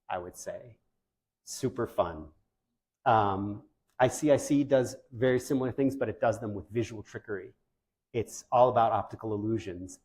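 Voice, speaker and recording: An eager male presenter talks with parents in a relaxed, conversational way, piling praise on whatever he shows them. His voice sits at a middle pitch, with loose, chatty phrasing throughout. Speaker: presenter for parents of deaf children. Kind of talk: informal presentation to families.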